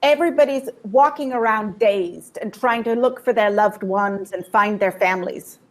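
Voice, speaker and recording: A woman telling a personal story in short, vivid bursts and pausing for an interpreter. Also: mid-range voice. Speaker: guest speaker. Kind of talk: personal testimony with live interpreter.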